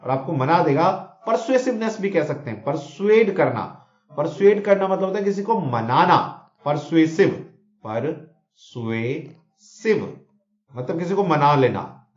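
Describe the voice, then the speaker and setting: Teaching vocabulary to exam students, a man switches between Hindi and English, leans on mnemonics and repetition, and checks in often with "theek hai na?" His pitch is fairly high and a little mellow; the echoey room gives the recording a dull, lo-fi quality.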